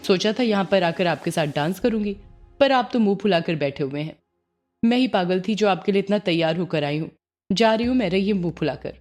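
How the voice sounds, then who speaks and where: A woman's voice: mid-range voice, normal speed, dark tone, faint music behind, close to an everyday voice. Woman voicing a teasing young fisherwoman. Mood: huffy. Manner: teasing and coaxing.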